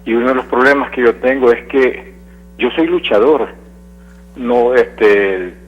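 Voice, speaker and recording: A man's voice: mid-range voice, husky. A man phoning in to a radio show who speaks in an earnest, hesitant way with fillers. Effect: phone-line call-in voice on air. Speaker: radio call-in caller. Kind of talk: phoned-in opinion. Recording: dull phone line.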